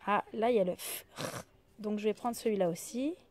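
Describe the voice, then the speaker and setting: A woman teaching a reading game, sounding out each letter slowly one by one in a step-by-step demonstration. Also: mid-range voice, a little mellow.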